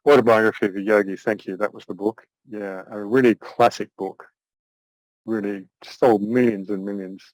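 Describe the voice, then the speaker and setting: An older man teaching an online class, speaking thoughtfully with frequent pauses and restarts. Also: lowish voice, steady tone, dry recording, rough recording. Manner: thoughtful, halting, many restarts. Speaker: astrology teacher.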